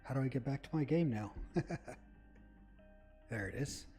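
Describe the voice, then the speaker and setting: Here a man with a medium-pitched, warm voice and lively intonation narrates his gameplay at an unhurried pace. He runs a gaming channel and keeps up a rambling, chatty let's-play, talking to his viewers over faint background music.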